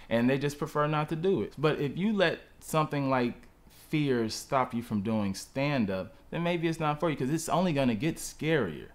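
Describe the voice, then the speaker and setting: A man in his thirties, a stand-up comedian, speaking earnestly in a documentary interview. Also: mid-range voice. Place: room with brick wall.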